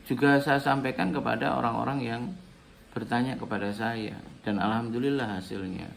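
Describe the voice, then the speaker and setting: A middle-aged man giving a religious talk, praying aloud in an earnest, pleading way and letting each phrase drop softly at the end. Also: vocal fry, slight background noise. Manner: earnest, pleading, ends phrases with soft low "ya Allah". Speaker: Islamic speaker. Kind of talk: religious talk with spoken prayer.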